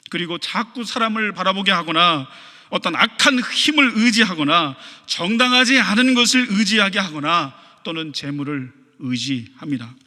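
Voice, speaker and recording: A man's voice: sits high, pushed and bright. A male pastor preaching a sermon in a church and putting rhetorical questions to the congregation. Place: church sanctuary. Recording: long church reverb.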